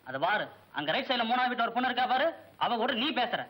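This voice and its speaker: A man's voice: very high-pitched, animated, fast talker, a bit bright, full character voice, low-quality recording. An actor playing a young man who pushes his friend around in an old film comedy. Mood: teasing. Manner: pushy, needling. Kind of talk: 1980s film comedy acting.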